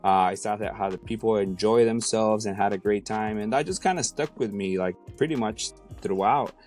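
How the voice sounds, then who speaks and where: A man's voice: fairly low pitch, moderate pace, darkish tone, faint music behind. A man in his thirties from Mexico City, a DJ and rapper talking casually as an interview guest, with many fillers and restarts.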